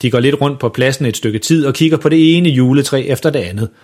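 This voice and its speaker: Slightly husky male storyteller. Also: medium pitch, a little mellow. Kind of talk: children's story reading.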